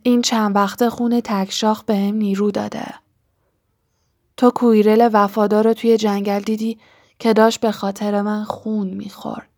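A woman voicing a cold, menacing serpent-faced dark lord in a hissing whisper, in a storybook reading. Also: medium pitch, level tone, natural voice.

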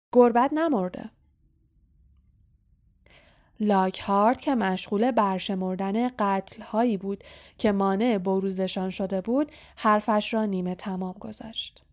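A woman reading a novel aloud as an audiobook, narrating in a hushed, breathy voice. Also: mid-range voice.

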